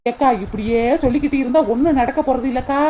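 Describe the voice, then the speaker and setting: A young village woman in a cartoon, voiced by a woman pleads and coaxes in a southern Tamil Nadu village dialect. Her voice is high yet mellow and dark. Her tone is insistent and earnest. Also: fairly even intonation, fast talker, a little hiss or hum, close to an everyday voice. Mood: persuading.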